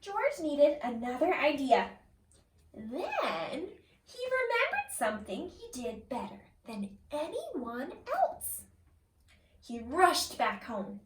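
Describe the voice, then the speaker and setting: With a very high, animated voice, a woman who teaches kindergarten reads a picture book to kids, exaggerating her expression and stopping to pose questions to the little ones. The recording sounds roomy and echoey, captured far from the mic.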